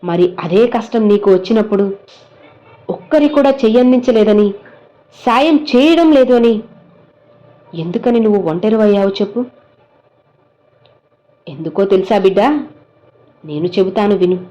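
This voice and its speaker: A woman speaking as a gentle, fatherly male saint who consoles a crying devotee, with tender, coaxing questions. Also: medium pitch, animated, normal speed, long pauses, muffled recording, close to an everyday voice. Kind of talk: devotional message spoken as the saint.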